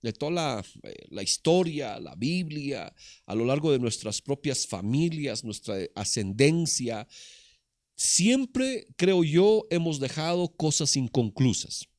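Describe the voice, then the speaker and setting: A man's voice: a little high, big pitch swings, slow, darkish tone, no echo, studio quality. A man preaching a sermon as pastor at an online church service, building emphasis through repeated phrases. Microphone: online service broadcast.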